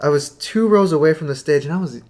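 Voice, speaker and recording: A man's voice: on the high side, fast. A man co-hosting a podcast, telling a party story in casual chat, laughing often and acting out what people said. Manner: animated storytelling, laughs often, acts out quotes. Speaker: podcast co-host. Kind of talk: casual chat among friends.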